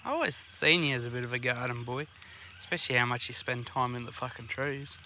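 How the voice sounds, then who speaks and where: A man's voice: medium pitch, a little fast, bright, forceful tone, a little hiss or hum. A man with an Australian accent co-hosting a podcast, chatting casually in a slangy, blokey tradesman manner. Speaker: podcast co-host. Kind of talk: casual chat.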